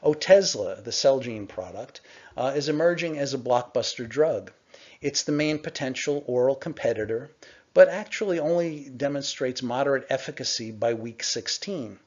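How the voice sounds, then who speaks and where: A man's voice: mid-range voice, animated, a little mellow. Man briefing investors on a dull conference call line. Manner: measured, explanatory, with frequent "uh" pauses. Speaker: company executive presenting to investors. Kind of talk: scripted investor presentation.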